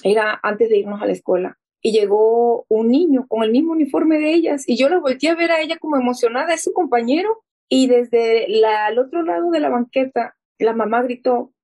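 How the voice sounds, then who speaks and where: Earnest woman, warm mellow voice. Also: a little high, a little fast, few pauses, rough recording. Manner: earnest storyteller, acting out quoted voices.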